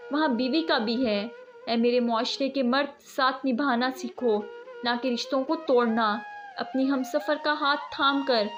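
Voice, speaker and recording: A woman reading a dramatic family story as narrator, voicing every character's lines in her own voice. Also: sits high. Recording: dull lo-fi voice over loud music.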